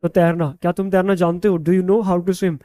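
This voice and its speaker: Man, Indian accent, English teacher, smooth clear voice, dry close sound, spells words slowly. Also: high voice, flat delivery, dark tone, no room sound. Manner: repeats "ठीक है?" after nearly every point; spells words letter by letter, slows for example sentences. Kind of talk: bilingual classroom lesson.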